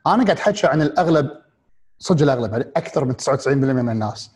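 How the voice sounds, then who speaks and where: A man with a Gulf Arabic accent giving a reflective motivational talk, asking one rhetorical question after another and pausing on fillers and restarts. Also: medium pitch, animated, darkish tone. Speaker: speaker on happiness and mindfulness.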